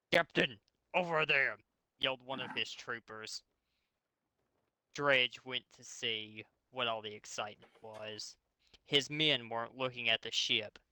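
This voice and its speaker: A host reads fan fiction aloud and mocks it with comic, casual commentary, swearing freely in an animated way. His medium-pitched voice is very bright, forceful, and clean in tone. The recording is close and dry with no echo, though the audio quality is poor.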